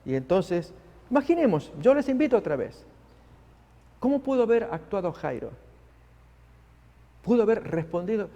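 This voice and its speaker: Gravelly preacher man in a reverberant hall. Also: sits high, sing-song, moderate pace, long pauses, warm tone, lo-fi sound. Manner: dramatic, acts out the people in the story. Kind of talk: sermon.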